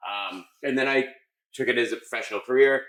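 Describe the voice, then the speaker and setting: A middle-aged American man, a chef, explaining his cooking in a casual, halting conversational way. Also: medium pitch, fairly bright tone. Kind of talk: casual cooking demonstration and chat. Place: restaurant kitchen. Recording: echoey kitchen room sound.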